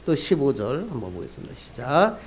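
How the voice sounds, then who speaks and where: Man, pastor, sermon, questions to the congregation, swings from soft asides to loud emphatic lines. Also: medium pitch, big pitch swings, brisk, husky. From Korea. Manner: asks the congregation questions and answers them, rising to emphatic peaks.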